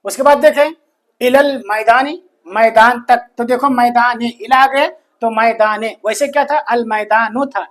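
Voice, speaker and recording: A man teaching a grammar lesson, slowly repeating each phrase and answering his own questions. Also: very high-pitched, steady tone, fairly bright tone. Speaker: Arabic teacher.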